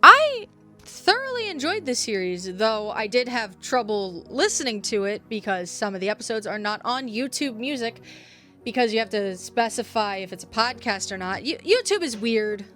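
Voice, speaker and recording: Over background music, a woman presents a scripted video essay reviewing fiction podcasts, adding casual asides and dramatic emphasis on key phrases. Her voice is on the high side, bright and forceful, with big pitch swings at a moderate pace.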